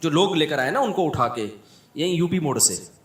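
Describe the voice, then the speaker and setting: A man with a Pakistani Urdu accent, a religious scholar telling humorous anecdotes in a lively way and acting out the people in them. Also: a little high, normal speed, echoey room. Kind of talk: humorous storytelling talk.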